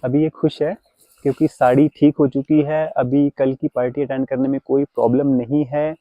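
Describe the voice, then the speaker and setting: Speaking at normal speed in a medium-pitched voice with little pitch movement, a vlogger and father addresses his phone camera casually. He preaches to viewers about keeping traditions, and the dry recording has a slightly dull sound.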